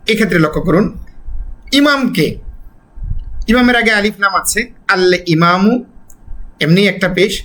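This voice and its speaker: A man with a Bangladeshi Bengali accent teaching an Arabic lesson step by step, slowly repeating each example word as he drills it. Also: high-pitched, fairly bright tone.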